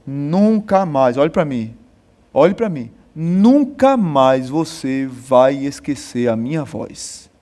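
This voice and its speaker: A man's voice: a little high, very animated, warm tone, voice pushed down. Man doing an arrogant barking army captain. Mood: commanding. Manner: stern, drawn-out commands. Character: arrogant army captain barking orders, male, middle-aged.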